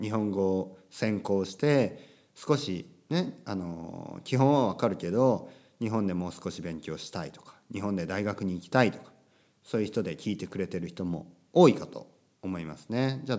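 A man with a lowish, darkish voice hosts a podcast for language learners from his home while a washing machine runs. He talks casually in a chatty, rambling way, using lots of fillers and tag words.

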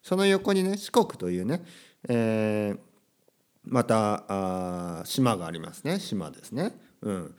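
A man's voice: lowish voice, sing-song, slow, a little mellow. A man from Kyushu with a standard accent, hosting a casual solo podcast for language learners and chatting with frequent asides and questions to the listener. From Kyushu, Japan. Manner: chatty, self-deprecating, frequent filler asides and rhetorical questions. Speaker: podcast host.

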